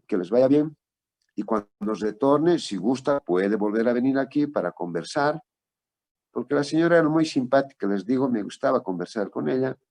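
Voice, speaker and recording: A man's voice: mid-range voice, dark tone. A man lecturing on traumatology, telling a patient case in a conversational way and asking for the next slide.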